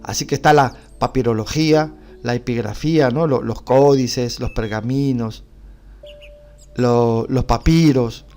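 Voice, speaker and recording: A man's voice: medium pitch, steady tone, unhurried, dark tone, faint music behind. A man with a Bolivian Spanish accent teaching a Bible class, explaining points and asking the class rhetorical questions.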